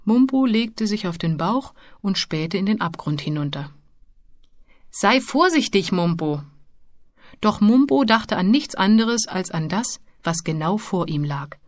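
A woman narrating a children's storybook in a calm, even manner. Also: medium pitch, normal speed, hardly any pauses, no echo. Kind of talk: audiobook narration. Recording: dry close studio sound.

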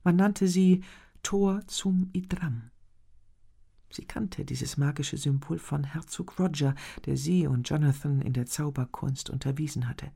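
An audiobook narrator reading a fantasy story in an even, often hushed storytelling voice. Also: mid-range voice, measured pace, vocal fry, slightly rough.

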